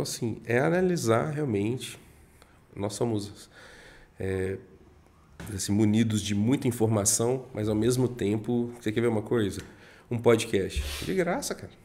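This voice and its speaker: Chatting unhurriedly on a podcast, a mineiro real estate broker from Minas Gerais uses a medium-pitched, animated, slightly mellow voice with a Minas Gerais Brazilian Portuguese accent. He talks somewhat slowly and peppers his speech with fillers and tag questions.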